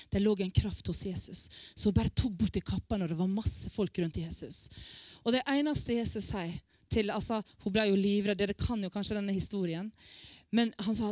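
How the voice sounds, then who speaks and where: A woman preacher giving a lively sermon who reads Bible verses aloud, breaks into laughter and adds chatty asides. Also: mid-range voice, no room sound. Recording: dry, slightly dull lo-fi sound.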